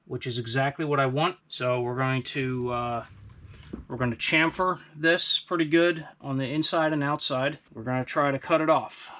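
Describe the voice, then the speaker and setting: A man's voice: medium pitch, fairly even intonation, normal speed, sharp tone. A middle-aged man giving casual, unscripted commentary as he works, thinking aloud in a small workshop. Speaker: host, hobby machinist. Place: small indoor wood-panelled workshop. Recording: clear machine and workshop noise.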